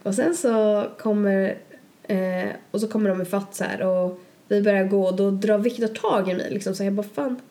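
Brief: young woman, mellow tone, chatty rambling storyteller. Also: medium pitch. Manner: rambling, lots of fillers and quoted asides. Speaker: podcast co-host. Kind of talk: casual storytelling chat.

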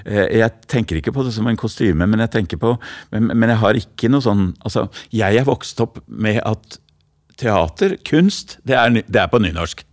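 A middle-aged man from Oslo with an East Oslo accent, a stage actor talking in an interview with thoughtful, halting restarts. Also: on the low side, animated, no room sound, studio quality. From Oslo, Norway. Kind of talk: interview guest, then slam poetry.

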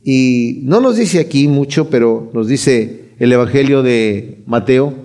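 A man preaching a sermon, animated, swinging between loud and hushed, acting out quoted voices as he retells. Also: medium pitch, slow. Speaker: pastor.

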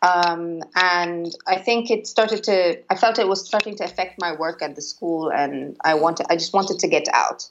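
A woman in her thirties, a musician, answering interview questions in a hesitant way with many restarts. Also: on the low side. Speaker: interviewee, musician and former teacher. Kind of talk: conversational interview. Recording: dull lo-fi sound with faint noise.

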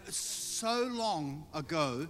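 A man's voice: on the high side, expressive, extremely slow, fairly bright tone. A middle-aged man giving an informal church address as a visiting missionary, folksy and exclamatory with joking asides. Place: large indoor church, speaking from pulpit. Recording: reverberant hall, music behind.

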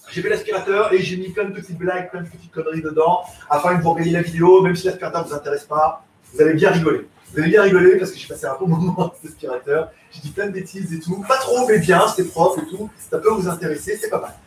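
Chatty man in an echoey room. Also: on the high side. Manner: loose, slangy, rambling with many fillers. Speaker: podcast host. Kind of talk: casual live tech chat. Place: home in Thailand. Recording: echoey room, distant mic, faint hiss.

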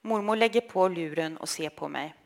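A woman reading a literary text aloud in a slow, measured, intimate way. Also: lowish voice, creaky, a little mellow. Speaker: reader.

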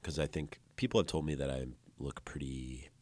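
Very deep-voiced laid-back man. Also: normal speed, over a noisy crowd. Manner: laid-back, rambling, many "like" fillers. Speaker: musician guest. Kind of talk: casual interview chat. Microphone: close microphone.

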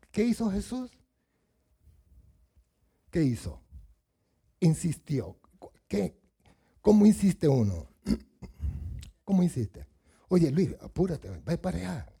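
A man's voice: fairly high pitch, dark tone, slightly rough. A man preaching a sermon, asking the congregation questions and acting out Bible voices.

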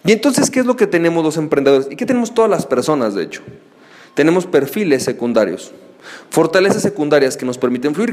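A man's voice: a little high, big-room sound. A man hosting a solo podcast, telling a playful story and acting out voices along the way. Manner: playful storyteller, acts out friends shouting. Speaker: podcast host. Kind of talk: animated solo podcast talk.

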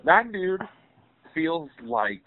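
Heard over dull phone interview audio, a male guest delivers a casual comic rant about films. His voice is a little high, sing-song and very slow, and he comes across as opinionated, emphatic and nerdy.

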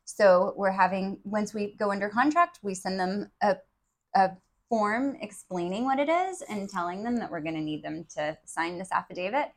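A woman's voice: mid-range voice, expressive, normal speed. A woman co-hosting a podcast, talking in a chatty way with frequent ums. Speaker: podcast co-host. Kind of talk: casual podcast chat.

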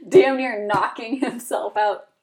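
A woman in a casual movie discussion, talking in a relaxed, conversational way with quick reactions. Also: fairly high pitch.

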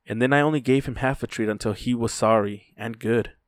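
A man voicing a restless, chatty eight-year-old girl in a high piping voice. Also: a little fast, dry recording, studio quality, close to an everyday voice. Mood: anxious.

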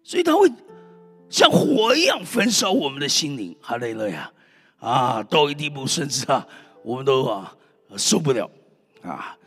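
A man's voice: medium pitch, big pitch swings, normal speed, a bit bright, breathy edge. A male preacher delivering a fervent sermon, exclaiming and calling out to his congregation. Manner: emphatic, exclaims and calls out to the congregation. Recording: reverberant hall with faint music.

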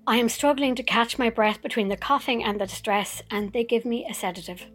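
An actress narrating a personal memoir in a wry, vivid way, with sudden outbursts. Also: female voice, a little high, fairly quick, faint music behind.

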